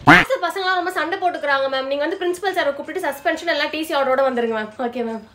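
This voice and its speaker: A woman's voice: high voice, racing, fairly bright tone, a little hiss or hum. A young woman acting out different types of schoolgirls in a comedy sketch, pleading, bossy and sarcastic by turns.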